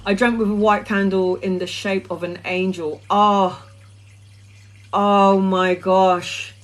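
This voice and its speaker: Woman, middle-aged, mid-pitch; casual, sweary tarot livestreamer. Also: level tone, slow, rough recording. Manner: chatty, blunt and sweary, with rambling restarts. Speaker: tarot reader answering viewer questions. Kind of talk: casual live-stream chat.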